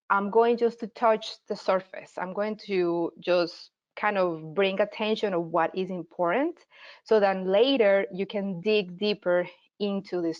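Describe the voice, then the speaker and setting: In her 30s, this Colombian marketing teacher from Medellín hosts a live online workshop in a mid-pitched voice, friendly and explanatory, often restarting and using fillers. The web-call audio is slightly dull.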